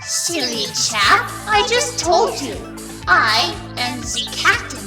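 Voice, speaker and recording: A woman's voice: sits high, sing-song, heavily acted. A woman playing a flamboyant, grandiose, cheerfully mad wasteland captain of indeterminate gender, theatrical and pompous, in a comic dub. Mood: haughty, amused. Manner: theatrical, pompous, slow grand declarations with sudden swoops. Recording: long reverb, loud music behind.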